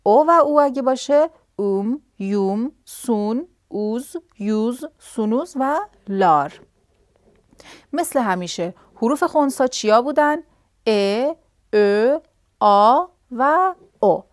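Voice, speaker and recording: A woman's voice: fairly high pitch, expressive, no room sound, studio quality. Woman teaching grammar step by step. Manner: explains step by step, asks and answers her own questions. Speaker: language teacher. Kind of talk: grammar lesson.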